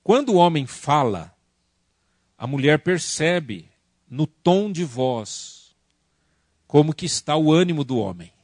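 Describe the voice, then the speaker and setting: A man with a Brazilian Portuguese accent giving a lively church workshop talk on family, asking the audience questions and acting out family arguments. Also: on the high side, slow pace, pauses often, no room sound, clean studio sound. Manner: animated, acts out quoted family arguments. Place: church conference hall.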